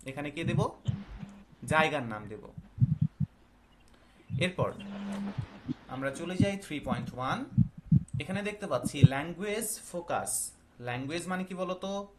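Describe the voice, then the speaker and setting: A male English teacher, explaining slowly and asking the class questions. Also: on the high side, expressive, very noisy. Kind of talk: classroom lesson.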